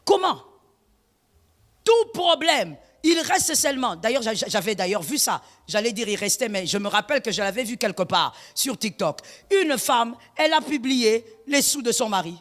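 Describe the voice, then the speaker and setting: A woman pastor, preaching an emphatic sermon full of rhetorical questions, slipping in Lingala phrases and shouting at the high points. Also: lively intonation, normal speed, long reverb tail.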